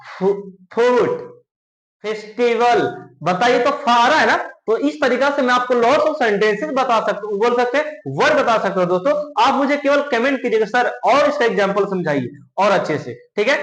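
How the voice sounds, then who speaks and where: A man's voice: sits high, fairly bright tone, reverberant, rough recording. A male teacher from India, giving a pronunciation lesson in Hindi and quizzing his students with repeated questions. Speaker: English teacher.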